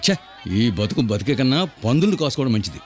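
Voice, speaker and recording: A man's voice: mid-range voice, sing-song, quick pace, close to an everyday voice. A man in a dubbed film playing the bossy, scolding leader of a beggar gang.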